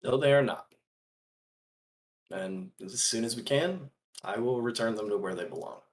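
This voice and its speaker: A man playing a principled, earnest gunslinger in a tabletop role-play, speaking deliberately in halting phrases. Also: mid-range voice, close to an everyday voice. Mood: steady, resolute.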